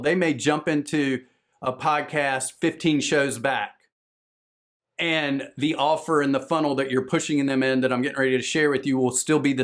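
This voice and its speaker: A man from the southern United States with a Southern American accent, giving an energetic, fast-talking, salesy conference presentation on podcast business. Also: mid-range voice.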